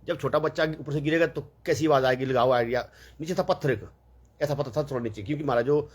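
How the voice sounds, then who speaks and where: A man's voice: medium pitch, quick pace, husky. A man telling a long, rambling story in a casual, chatty way, full of fillers and quoted dialogue.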